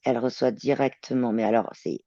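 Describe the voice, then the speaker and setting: A woman working as a telepath, describing her visions in a channeling session, halting and searching for words. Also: extremely low pitch, steady tone, mellow, dry recording, highs cut off. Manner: hesitant, searching for words, many fillers.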